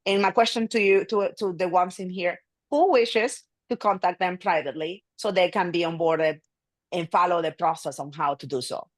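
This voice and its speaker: A woman's voice: on the low side, moderate pace, no echo, rough recording. Friendly Spanish-speaking woman hosting a call. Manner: hesitant, restarts often, friendly. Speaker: meeting host. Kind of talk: online meeting chat. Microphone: video call.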